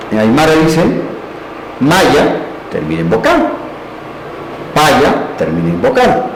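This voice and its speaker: A man's voice: on the high side, gravelly. A man giving a lecture on language, explaining step by step and often checking in with his listeners. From Peru. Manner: explanatory, with frequent "¿no?" and "entonces". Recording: echoey room, faint background hiss.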